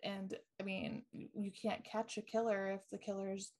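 Her delivery is flat and a little slow, with a medium-pitched, somewhat mellow voice. She co-hosts a podcast, casually retelling a ghost story full of ums and likes. She's talkative and laughs easily.

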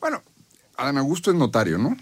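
A man's voice: medium pitch, huge pitch swings, fast talker, husky. A man with a Mexican accent offers conversational political analysis, explaining and arguing his points as a panel commentator. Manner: explanatory, argumentative.

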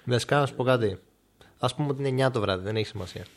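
A man narrating as game master of a mystery podcast game, describing a room with steady pacing and small fillers. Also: medium pitch.

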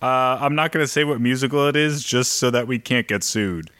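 A man co-hosting a podcast, bantering in a sassy, playful way and quick with jokes. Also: mid-range voice, a bit bright, dry recording, studio quality. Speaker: podcast co-host. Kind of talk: casual banter.

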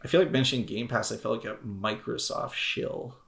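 A man's voice: medium pitch, fairly quick, creaky, a bit bright. A man co-hosting a podcast in casual chat, rambling and joking, often trailing off mid-thought. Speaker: podcast co-host.

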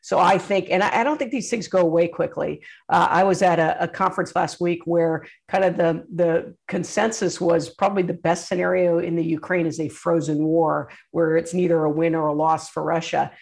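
A woman executive giving conversational interview answers as a guest, somewhat halting as she works through her points. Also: lowish voice, steady tone, vocal fry, darkish tone.

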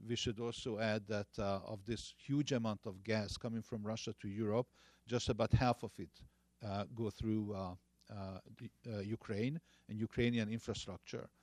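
A man's voice: fairly low pitch, fairly even intonation, moderate pace, a little mellow, no room sound. A man from Hungary with a Hungarian accent, giving hesitant panel remarks full of filler sounds and restarts. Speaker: panelist, former energy minister.

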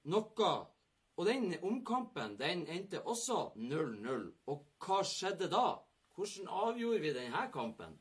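Man host, husky, animated pitch, fast casual banter. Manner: lively, joking, hurried at times. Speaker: podcast host. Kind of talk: casual sports talk show.

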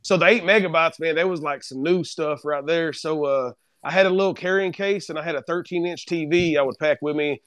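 With a clear, resonant, fairly bright tone and no echo, this Southern-accented Kentucky musician chats casually on a podcast, fairly quick with hardly any pauses and on the high side. He drawls easily, filling gaps with "man" and "you know."

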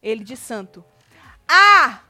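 A woman hosts a casual gossip talk show, and her voice sits a little high. She is playful and teasing and likes to repeat her lines for effect. Faint music plays underneath. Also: big pitch swings, slow, bright, forceful tone, no echo. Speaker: show host.

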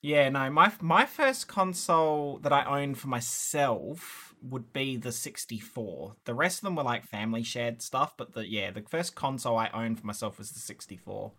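A man's voice: medium pitch, lively intonation, normal speed, hardly any pauses, bright, forceful tone. A man in his thirties chatting casually about video games on a podcast, rambling with fillers and restarts. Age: 30s. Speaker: podcast co-host.

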